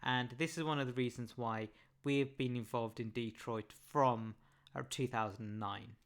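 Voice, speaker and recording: A man presenting a webinar over slides, measured and often pausing with "um". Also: mid-range voice, steady tone. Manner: measured, frequent "um" fillers.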